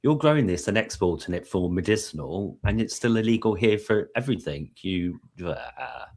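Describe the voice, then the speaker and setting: A man's voice: fairly low pitch, big pitch swings, moderate pace, darkish tone. A British man in casual live-stream chat, explaining at length with many fillers and restarts. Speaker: panel guest.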